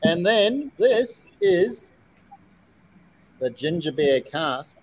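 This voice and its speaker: An Australian man hosts a casual live chat show. His voice sits on the higher side for a man. He is recorded in a shed, with some background noise around him. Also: very animated, extremely slow. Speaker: host of an online group chat show.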